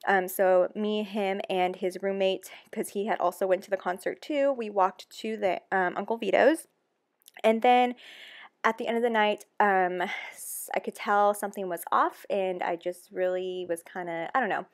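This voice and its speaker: A woman's voice: medium pitch, steady tone, normal speed. Chatty young woman, candid and emotional. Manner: chatty, frequent ums and likes. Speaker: planner vlogger. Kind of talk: casual talking voice-over.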